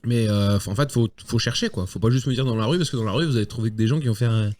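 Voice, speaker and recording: A young man runs a tabletop game in an easygoing, joking manner, with a voice of middle pitch. He reads descriptions plainly and chats loosely with the players. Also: very fast, a little mellow, no room sound. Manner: casual, joking, switches between narration and voicing characters. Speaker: game master.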